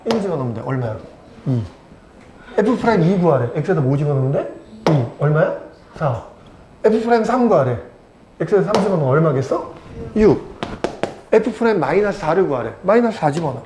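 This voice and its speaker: A man's voice: fairly high pitch, background noise. A male math teacher giving a casual, blunt lecture, teasing his students and constantly quizzing them.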